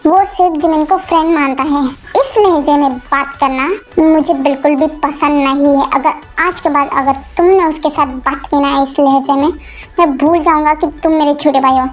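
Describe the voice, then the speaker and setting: A woman's voice: high-pitched, steady tone, moderate pace, soft background music, natural voice. A woman voicing a stern, protective elder brother who reprimands his younger brother, in a voiced fan-fiction audio story.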